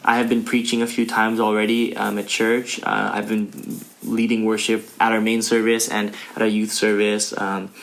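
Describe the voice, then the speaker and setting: A man's voice: on the low side, completely flat delivery, normal speed, vocal fry, few pauses. A young man sharing his faith journey in earnest, slightly preachy casual chat with some repeated words. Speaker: co-host of a couple's channel.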